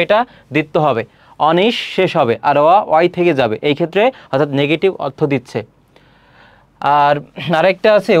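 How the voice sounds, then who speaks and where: A young man leads an exam-prep grammar lesson, asking students questions and answering them himself. His voice sits a little high, broken by hesitant "ah" fillers and throat clearing. The sound is close and dry, with no room echo. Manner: explains step by step, quizzing students with questions. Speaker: teacher.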